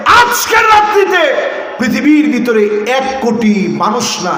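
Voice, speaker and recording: A male preacher giving an impassioned sermon, swinging from quiet talk to shouting and quizzing his listeners. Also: high voice, recorded from a distance. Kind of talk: fiery religious sermon to a crowd. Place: large public gathering. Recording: echoey loudspeaker hall with crowd.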